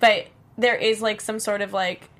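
A woman's voice: mid-range voice, fairly even intonation, normal speed, fairly bright tone. A woman co-hosting a casual group discussion, opinionated and leaning heavily on "like" fillers. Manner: opinionated, heavy use of "like" fillers. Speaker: podcast co-host.

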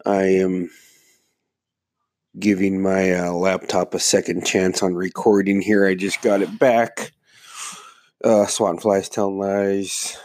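A man's voice: low-pitched, flat delivery, slow pace, pauses often, darkish tone. Muffled, stuffed-up man rambling on a podcast. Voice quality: muffled, congested, stuffy-nosed. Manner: laid-back, rambling, heavy swearing. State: under the weather with a stuffy nose and slight cough. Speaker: podcast host. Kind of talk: casual solo podcast monologue.

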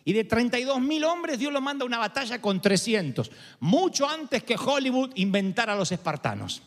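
A man preaching a sermon in an animated storytelling manner, acting out the people he quotes. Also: very high voice, moderate pace, long reverb tail.

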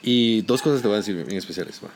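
A man with a Guatemalan accent chats in an easygoing interview, telling stories from his acting career. He speaks at a brisk clip, packs in local slang and acts out the people he quotes. There is a faint noise in the background. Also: on the low side. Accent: Guatemalan Spanish. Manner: animated storytelling, heavy slang, acts out quotes. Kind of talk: casual interview chat.

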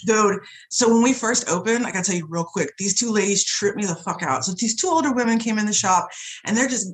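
Woman guest telling stories, swears a lot, lively, jumps up and down in pitch doing the voices. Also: brisk, rough recording. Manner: animated, profane, swings pitch widely in retold dialogue. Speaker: guest, shop owner. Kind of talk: casual storytelling chat.

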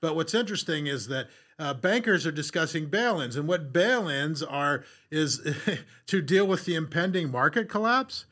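A man's voice: a little high, animated, moderate pace, a bit bright. A man hosting a podcast in a casual, rambling way, with lots of fillers and restarts. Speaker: podcast host.

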